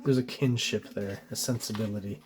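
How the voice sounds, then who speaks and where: A man casually reviewing comic book art page by page, rambling, often searching for words and pausing on ums, clearly enthusiastic about what he sees. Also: lowish voice, steady tone, darkish tone.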